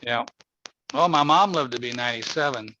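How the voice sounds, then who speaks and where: A man in his seventies hosts an informal call-in chat, talking at normal speed in a mid-range voice with a sharp tone. His manner is folksy, emphatic and rambling, and the lo-fi audio is muffled with faint noise.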